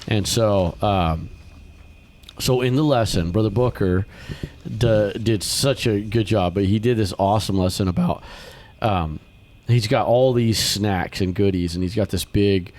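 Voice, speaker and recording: A man's voice: unhurried, a little hiss or hum. A man hosting a casual talk about children's ministry, telling stories animatedly and acting out the people he quotes. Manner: animated storyteller, acts out quotes in higher voice. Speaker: podcast host, children's ministry. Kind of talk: casual chat.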